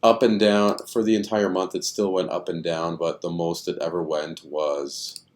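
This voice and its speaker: Very deep-voiced man musing over charts. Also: flat delivery, normal speed. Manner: rambling, thinking aloud with many fillers. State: tired and yawning. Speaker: stock chart commentator. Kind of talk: casual screen-share chart commentary.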